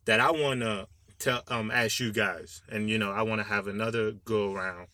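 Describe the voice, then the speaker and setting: A man's voice: lowish voice, fairly even intonation, moderate pace, sharp tone, dry recording. A man co-hosting a casual panel discussion, talking discursively and often checking in with rhetorical questions. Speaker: podcast co-host.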